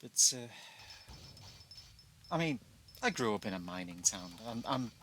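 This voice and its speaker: A British gamer narrates a walkthrough in a fairly low, slightly bright voice, sing-song and unhurried. Glottal stops stand in for his T's, and his chatty commentary is casual and self-deprecating, with noticeable background noise.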